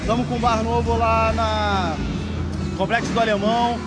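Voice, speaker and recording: A man's voice: very high voice, flat delivery, moderate pace. A man in his thirties with a Rio de Janeiro accent, chatting casually and informally in an interview. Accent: Rio de Janeiro (carioca). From Rio de Janeiro, Brazil. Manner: slangy, informal. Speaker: beer sommelier, interview guest. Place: large indoor festival hall beside stacked kegs. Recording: loud music and crowd noise behind.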